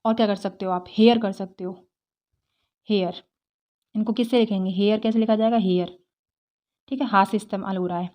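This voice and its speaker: A woman's voice: mid-range voice, steady tone, a little fast, pauses often, dull audio. A woman teaching English grammar, explaining step by step, asking rhetorical questions and checking in with "theek hai".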